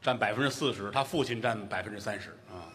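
A man's voice: lowish voice, fast, fairly bright tone, a little hiss or hum. A man performing lead crosstalk comedy on stage, teasing his partner and mimicking voices and sound effects. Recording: reverberant stage hall.

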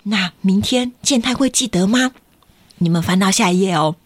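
A woman's voice: medium pitch, moderate pace, dry recording. A woman storyteller reading a picture book to young children, guiding them with frequent questions. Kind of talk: interactive picture-book read-aloud for children.

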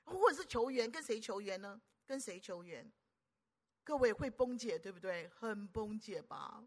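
A middle-aged woman preacher, delivering an animated sermon full of rhetorical questions to the congregation. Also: mid-range voice, moderate pace. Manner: animated, keeps asking the audience rhetorical questions; acts out anxious inner voices and conversations.

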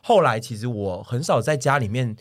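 A young man with a Taiwanese Mandarin accent, co-hosting a podcast in casual chat and telling a story with lively acted-out quotes. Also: mid-range voice, moderate pace. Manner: animated storyteller, acts out his own shouting in quotes. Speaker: podcast co-host.

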